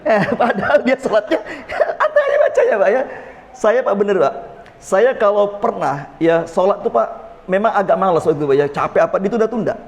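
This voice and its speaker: High-voiced preacher in an echoing hall. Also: male voice, lively intonation, a little fast, creaky. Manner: folksy, jokes with the audience, addresses "Pak". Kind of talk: mosque sermon to a congregation. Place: mosque. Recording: long reverb of a mosque hall.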